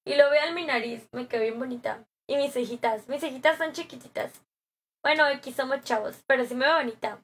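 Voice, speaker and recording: A young Mexican woman streaming live, chatting with viewers in a bubbly, slangy way, her voice a little hoarse from a sore throat. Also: high-pitched, fairly quick, fairly bright tone. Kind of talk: live stream chat, greeting viewers and reading comments.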